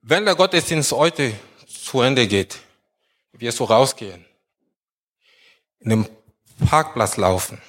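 Male pastor preaching real slow, repeats stuff for emphasis, mid voice. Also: medium pitch, very animated, a bit bright. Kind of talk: sermon.

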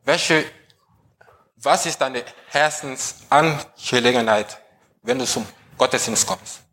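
Slow-speaking man preaching. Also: mid-range voice, fairly bright tone. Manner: slow, emphatic questions to the congregation. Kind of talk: sermon.

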